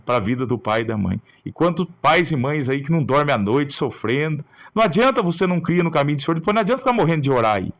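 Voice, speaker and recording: Man, pastor, sermon, earnest and admonishing, choppy phrases, slightly higher voice. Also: a bit bright. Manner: talks in short phrases, often adding a questioning tag. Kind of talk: sermon on raising children.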